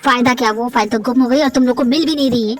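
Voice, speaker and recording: A commanding, flirtatious billionaire husband, voiced by a woman in an amateur fan drama. He speaks with smug authority, and the voice stays high for a man. Background music plays softly throughout. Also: fast talker, close to an everyday voice. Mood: dry, smug. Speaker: voice actor in a fan dub. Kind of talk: amateur Hindi fan dub acting.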